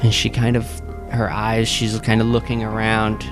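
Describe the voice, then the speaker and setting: A man's voice: lowish voice, monotone, moderate pace, music in the background. A man improvising narration as game master of a tabletop game.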